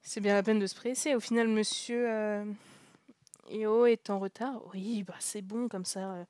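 A young woman streaming a visual novel, reading it aloud and commenting in a chatty, joking way with frequent laughs and hushed asides. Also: medium pitch, steady tone, moderate pace, no echo, clean studio sound. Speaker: streamer playing a story game.

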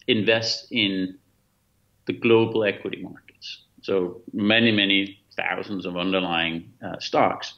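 A man's voice: lowish voice, a bit bright. A man in his fifties from Denmark, a native Danish speaker, explaining things earnestly and emphatically in a remote interview with many fillers. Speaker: guest, author and former fund manager. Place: bright room at home. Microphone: laptop webcam video call. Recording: dull video-call audio.

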